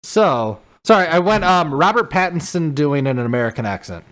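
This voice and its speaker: A man's voice: fairly high pitch, lively intonation, moderate pace, fairly bright tone. A man co-hosting a casual podcast chat, joking with playful asides. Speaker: podcast co-host.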